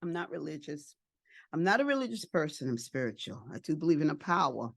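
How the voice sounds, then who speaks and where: A woman's voice: sits low, very animated, fairly quick, gravelly, dry recording, studio quality. An older woman, an adoptive and foster parent, giving a heartfelt personal testimony and repeating phrases for emphasis. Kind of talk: emotional personal testimony speech.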